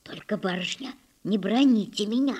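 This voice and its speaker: A woman voicing a frightened young housemaid who talks in a hurried whisper. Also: mid-range voice, a little mellow, lightly acted. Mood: anxious.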